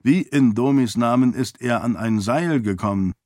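A man voicing an older king and father in an audiobook, speaking in a dry, gently teasing way. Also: medium pitch, moderate pace, no room sound, natural voice. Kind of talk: audiobook character voice.

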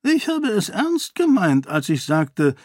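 A man's voice: high-pitched, huge pitch swings, slow, a little mellow, dry recording, studio quality, voice pushed up, heavily acted. A man voicing a genial, witty elderly duke in an audiobook, in a raised, lighter, courtly voice. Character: elderly genial male duke, dry wit. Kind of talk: audiobook character voice.

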